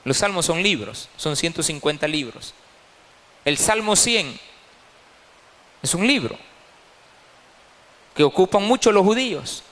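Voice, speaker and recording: Male pastor, high bright voice, emphatic sermon in a reverberant church hall. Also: very animated, unhurried, pauses often. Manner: emphatic preaching, repeating key phrases. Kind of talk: sermon at a Bible study.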